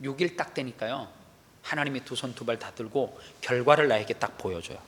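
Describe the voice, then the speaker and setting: A man preaching an animated sermon as a pastor, acting out quoted voices with sudden loud outbursts. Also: mid-range voice, brisk. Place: church sanctuary. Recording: long echo of a large hall.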